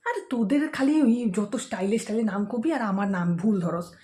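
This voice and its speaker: A woman's voice: medium pitch, normal speed, dark tone, natural voice. Woman playing a stubborn plain-spoken village mother. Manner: insistent, defensive, chatty. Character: simple middle-aged village mother, stubborn. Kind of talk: comedy skit acting.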